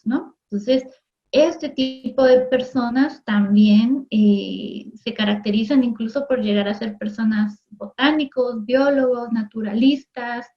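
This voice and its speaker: Woman teacher, TV lesson, chatty check-ins, slightly high voice, dull lo-fi audio. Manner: conversational, often checks in with "¿sí?" and "¿no?"; acts out everyday voices in quick asides. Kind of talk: recorded classroom lesson for TV.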